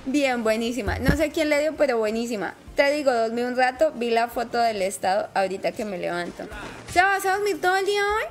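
High-voiced chatty woman streamer. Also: expressive, brisk, soft background music. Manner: chatty, affectionate, greets viewers by name. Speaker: game live streamer. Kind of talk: casual live-stream chat while playing.

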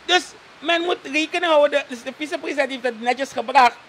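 A man's voice: very high voice, brisk, a bit bright. A man with a Surinamese Dutch accent, a guest commentator on a live interview show, who tags nearly every sentence with a questioning "toch?" and mixes in Sranan phrases.

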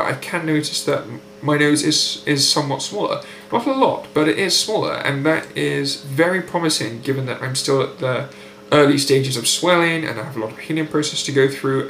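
Nasal and congested after surgery, a young British man records his recovery diary in a creaky, medium-pitched, slightly bright voice. He speaks articulately and precisely without hurrying. The setting is a room at home by a window, captured close on a built-in webcam mic amid echo and faint hum.

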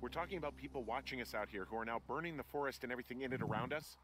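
A man's voice: mid-range voice, racing, background noise, natural voice. An actor playing an uneasy, down-to-earth male fire lookout in a video game, with a dry, hesitant, natural delivery. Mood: worried.

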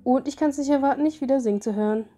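A woman puts on a gushing young bride for a mobile story game, her voice pitched up and eager. The tone underneath stays mellow and soft-edged. She reads every line as warm, breathless welcome. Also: very fast, soft background music, lightly acted.

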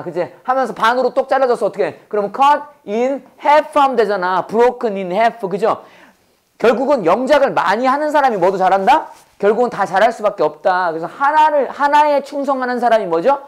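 A man with a high voice runs a casual English lesson as the teacher, quizzing the class by repeating questions and then answering them himself. He reads English phrases slowly and deliberately.

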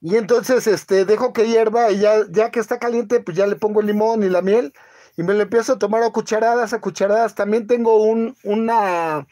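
A man, hosting a casual live-stream chat and telling a halting story full of fillers. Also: high-pitched, fairly even intonation, warm tone, dull audio. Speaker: channel host.

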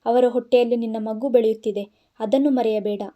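A woman's voice: on the high side, fairly even intonation, a little fast, mellow, dull audio, natural voice. A woman voicing a young husband, pleading and joking by turns in an audio story. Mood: scolding. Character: young married man, teasing and exasperated husband.

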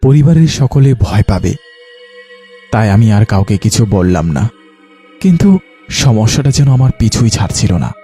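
A man's voice: on the low side, very animated, unhurried, long pauses, warm tone, slightly rough, faint music behind. A man narrating a dramatized first-person ghost story in an earnest, dramatic way.

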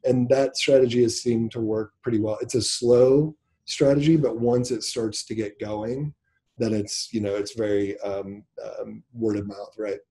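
A business owner from Nebraska, USA tells a personal story in a casual interview, animatedly acting out the dialogue. His voice is on the low side and slightly rough, and he takes his time.

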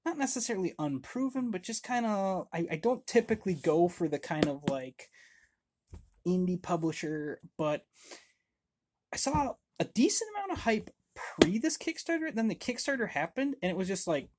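With a high, very animated voice at a normal pace, a thirtysomething board game host does a casual webcam unboxing at home among his game shelves. He rambles, jokes at his own expense, and keeps using fillers and starting over, all against a noisy background.

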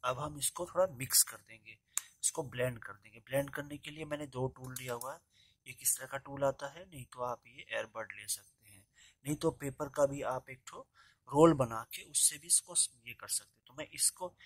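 A man teaching a pencil shading lesson step by step, calmly repeating instructions to his students. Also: mid-range voice, normal speed. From India. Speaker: drawing teacher. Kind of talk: step-by-step art tutorial.

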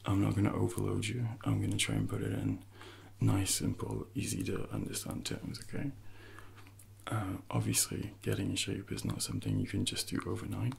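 A man in his thirties plays a personal trainer in an ASMR role-play, speaking softly and gently close to the mic. His low voice is breathy and gravelly, delivered in a monotone with unhurried, hesitant pauses.

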